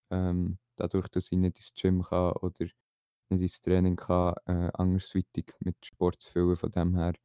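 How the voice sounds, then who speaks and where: A young man talks casually as a podcast co-host. His voice is low, mellow and very smooth, in a relaxed delivery. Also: no echo, studio quality. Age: late teens.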